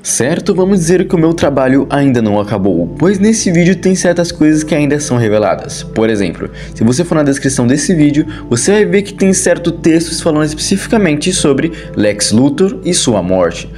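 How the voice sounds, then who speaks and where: This Brazilian-accented YouTube host and narrator has a fairly high, sing-song voice with a darkish tone, and he moves along fairly quickly with hardly any pauses. His scripted online-video commentary is casual and chatty, told as informal storytelling full of colloquial phrasing over background music.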